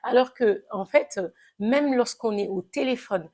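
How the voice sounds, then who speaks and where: A woman's voice: fairly high pitch, unhurried, a little mellow. A woman in a casual discussion, chatty and agreeable, adding her own supporting points. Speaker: co-host in a discussion. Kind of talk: conversational discussion.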